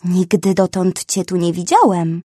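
A woman voicing a greedy, pompous male jungle snake, with slow, drawn-out threats. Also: fairly low pitch, mellow, husky, dry recording, clean studio sound. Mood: disappointed, lecturing.

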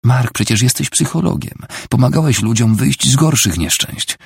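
A man reading the part of a grieving, desperate wife who pleads and shouts at her husband. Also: mid-range voice, lively intonation, moderate pace, gravelly, breathy edge, no echo, clean studio sound, pitched above the performer's own voice, heavily acted. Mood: pleading. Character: desperate grieving wife, middle-aged woman.

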